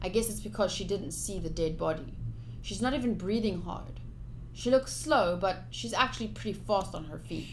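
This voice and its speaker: A woman streamer with a mid-range voice reads visual novel text aloud at a normal speed, adding her own casual commentary. Game music plays behind her, and the rough recording carries a little hiss or hum.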